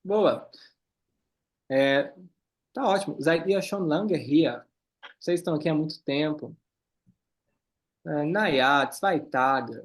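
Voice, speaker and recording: A man teaching a German class, reading lines slowly and then explaining them quickly. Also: fairly high pitch. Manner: switches between slow careful German and quick explanations. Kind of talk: online class, reading dialogue and translating.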